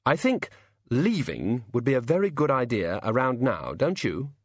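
A man voicing a cool, sensible young woman in a storybook reading, brisk and matter-of-fact. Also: medium pitch, very animated, dry recording, clean studio sound.

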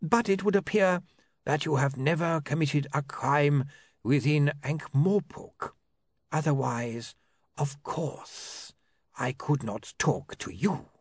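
A man voicing a slow, dry, stiff old male lawyer with a creaky, husky voice, in an audiobook. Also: fairly high pitch, no echo, pitched above the performer's own voice, full character voice.

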